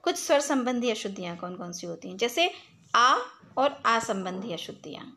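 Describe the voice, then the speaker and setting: A woman's voice: fairly high pitch, lively intonation, moderate pace, sharp tone. A woman teacher giving a recorded school lesson, explaining each point, repeating it and asking questions that she answers herself.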